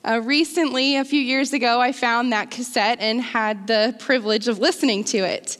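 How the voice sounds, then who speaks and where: A young woman preaching a sermon in church, earnest and warm, with touches of light humor. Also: a little high. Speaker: interim women's ministries director, preacher. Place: church sanctuary. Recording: long hall reverb.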